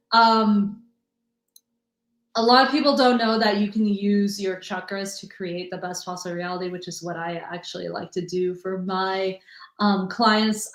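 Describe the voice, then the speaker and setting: A woman in her thirties from the US Midwest hosting a casual live stream, rambling and greeting viewers by name. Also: mid-range voice. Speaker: livestream host, energy reader. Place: home room in Texas. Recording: echoey room, faint music.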